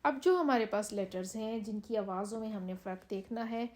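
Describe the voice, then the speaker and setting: A woman teacher with a Pakistani Urdu accent, explaining letter sounds patiently in short phrases and stretching out slow model words. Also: medium pitch, a little mellow. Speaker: Quran reading teacher. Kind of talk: step-by-step pronunciation lesson.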